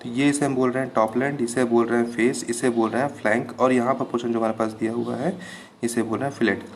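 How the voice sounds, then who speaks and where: A man teaching an engineering class, explaining each term slowly and checking over and over that students follow. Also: mid-range voice, steady tone, slight background noise. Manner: patient, repeats terms with "ठीक है, clear है" checks. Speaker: engineering lecturer. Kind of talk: classroom lecture.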